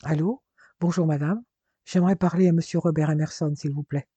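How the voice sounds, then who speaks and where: A worried, polite young woman, read by a man in a soft, dark, mellow voice, recorded close and dry. She talks formally and pleads anxiously in a storybook reading. The pitch sits a bit high. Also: fairly even intonation, a little fast, breathy edge, dry recording, lo-fi sound. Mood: urgent, polite.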